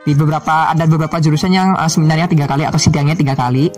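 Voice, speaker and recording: Rambling young man, slightly high voice. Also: steady tone, very fast, darkish tone, soft background music. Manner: rambling, many fillers and restarts. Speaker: vlogger. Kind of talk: casual chat to viewers.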